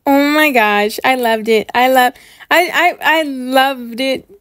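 A young-sounding woman hosts a reaction video series, gushing and excitable in her chatty commentary and repeating words for emphasis. Her voice is high and smooth, and she takes it slowly.

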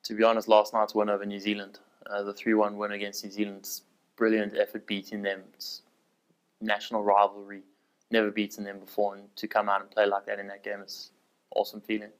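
A South African man in his late twenties speaks enthusiastically in an interview. His fairly low voice barely moves in pitch. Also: completely flat delivery, a little fast, rough recording. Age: 20s. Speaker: ice hockey goalie. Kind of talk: interview answers.

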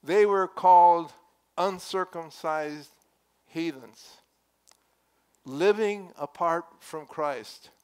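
This older pastor's voice is fairly high, darkish, and clean, and he speaks very slowly with long pauses. He preaches earnestly and conversationally with emphatic rises at a wooden pulpit in a church sanctuary. A headset mic carries his voice.

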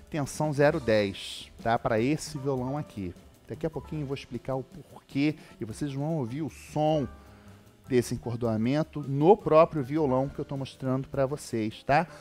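A male guitar teacher with a Brazilian Portuguese accent talks through a relaxed video lesson, keeping an even pitch. He explains things in a friendly, chatty way and checks in with his viewers after almost every point. Faint instrument music plays behind him.

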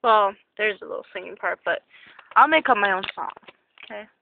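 A woman vlogging in casual chat, rambling off on quick tangents and swearing freely, from a parked car. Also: mid-range voice, animated, gravelly, background noise. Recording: tinny phone-like recording.

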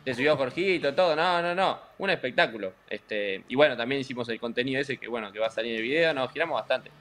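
An Argentine man of middle pitch chatting casually as an interview guest. He rambles in a loose, jokey way, padding his sentences with fillers as he goes. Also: fast, faint music behind. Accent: Argentine Spanish. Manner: relaxed, joking, rambling with many fillers. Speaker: racing driver, guest.

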